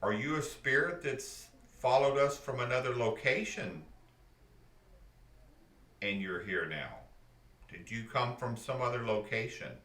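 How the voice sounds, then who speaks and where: A man's voice: medium pitch, measured pace, long pauses, a bit bright. A man, a paranormal investigator, calling out repeated probing questions during a spirit box session. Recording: echoey room, heard from far off, with background noise.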